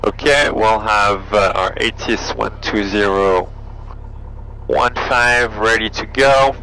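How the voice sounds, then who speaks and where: Piloting a small plane, a man with a low but bright voice and a gravelly fry works through his briefing and flight checklists, taking it slowly. He thinks aloud in short, clipped phrases over an aviation headset, with faint cockpit noise behind him on a rough recording.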